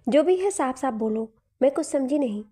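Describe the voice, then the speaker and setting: A woman voicing a shy young woman from a love story, speaking softly. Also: high voice, animated, normal speed.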